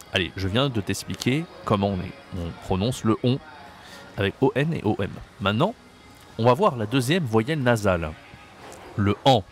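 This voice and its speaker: A man teaches a pronunciation lesson to camera in a lowish voice. He talks slowly and patiently, repeating each word and checking the listener follows, over a faint hiss. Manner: slow and patient, repeats words and checks understanding with frequent "d'accord?". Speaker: French teacher. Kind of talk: video lesson explaining pronunciation. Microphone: camera mic.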